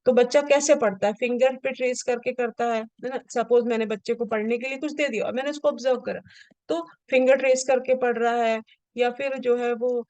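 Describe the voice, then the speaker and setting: A woman's voice: fairly high pitch, fairly even intonation, brisk, darkish tone, no echo. Patient woman teaching with many check-ins. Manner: patient, checks in often with rhetorical questions. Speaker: special education teacher. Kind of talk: explaining an assessment form to students.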